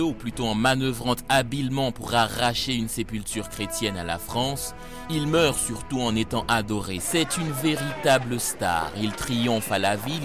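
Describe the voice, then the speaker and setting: A man reading scripted documentary narration as the narrator. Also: on the low side.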